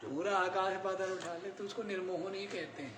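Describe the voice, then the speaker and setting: A man's voice: high voice, fairly even intonation, brisk. A man giving a spiritual discourse as a swami, often quizzing his listeners with short questions. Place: ashram hall. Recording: echoey room, faint hiss.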